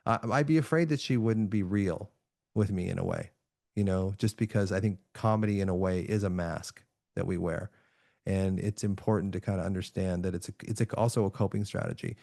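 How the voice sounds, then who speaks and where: A middle-aged Canadian author and neuroscientist appears as a guest on a relaxed remote podcast interview. His low, gravelly voice is calm, reflective, and soft-spoken yet brisk, with frequent restarts. The sound is dry and close, with no room sound.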